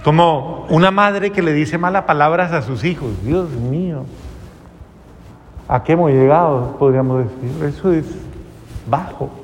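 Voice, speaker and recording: A priest preaches with earnest conviction, asking his listeners pointed rhetorical questions. His voice sits a little high for a man and carries a long church reverb. A faint ambient hum lies underneath. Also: unhurried. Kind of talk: sermon.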